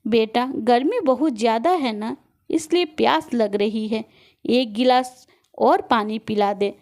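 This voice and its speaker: A woman voicing an elderly, patient mother who speaks calmly and softly in a storybook narration. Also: on the high side, measured pace. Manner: calm and soft-spoken.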